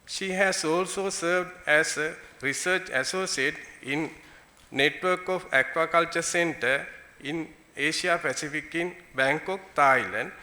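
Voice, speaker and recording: Woman, Sri Lankan accent, bright forceful voice, formal conference introduction read with stumbles, echoey room. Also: deep voice, unhurried. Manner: stumbles while reading. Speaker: conference presenter introducing keynote speaker.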